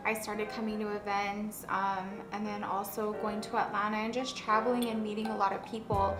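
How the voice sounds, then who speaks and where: A woman's voice: mid-range voice, level tone, brisk. A woman from New Mexico, a clothing designer and guest, chatting in an easygoing, upbeat way. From New Mexico, USA. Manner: easygoing, upbeat, says "like" a lot. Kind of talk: casual conversation. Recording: roomy kitchen with music underneath.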